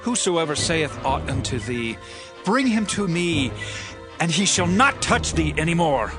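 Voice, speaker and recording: A man's voice: fairly high pitch, big pitch swings, measured pace, over music. A man playing an authoritative, regal king in a dramatized audio Bible, speaking in a declamatory way. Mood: regal, assuring. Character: authoritative king granting protection to a petitioner.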